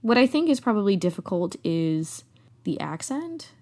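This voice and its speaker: A young American woman co-hosting a podcast, explaining things in a relaxed, self-deprecating way. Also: mid-range voice, moderate pace. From United States. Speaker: podcast co-host. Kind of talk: casual chat.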